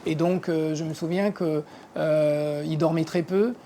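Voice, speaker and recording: A woman giving spoken personal testimony, explaining things and pausing to search for words. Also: sits low, fairly even intonation, warm tone. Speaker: interviewee recalling family history. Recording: clearly noisy location sound.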